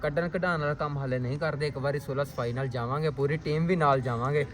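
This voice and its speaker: A man's voice: on the high side, fairly even intonation, fast. A young man with a Pakistani Punjabi accent urging friends and laying out a plan in a staged vlog conversation outdoors. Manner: urging, planning.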